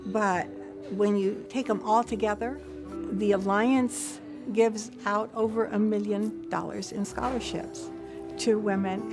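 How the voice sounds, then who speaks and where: A woman in her seventies, a longtime association member, speaking reflectively in an interview. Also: medium pitch. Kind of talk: interview testimonial. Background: music.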